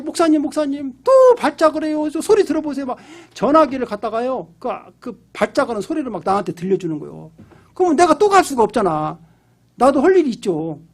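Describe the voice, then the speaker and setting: A man, a Korean pastor, preaching a sermon with emphatic storytelling and acted-out pleas. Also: extremely high pitch. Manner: emphatic storytelling, acts out pleading voices.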